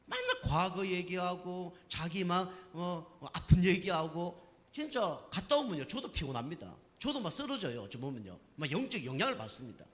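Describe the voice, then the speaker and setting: A man's voice: high voice, very animated, normal speed, fairly bright tone, long reverb tail. A man preaching a sermon to a congregation, asking them questions and checking with them again and again. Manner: asks the congregation questions and keeps checking with "right?". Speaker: pastor. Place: church sanctuary.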